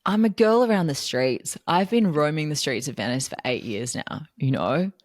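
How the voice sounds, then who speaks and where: Woman, mid thirties, podcast co-host, extremely low voice, dry teasing tone, no room sound. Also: lively intonation, moderate pace, dry recording. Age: 30s. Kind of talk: casual chat.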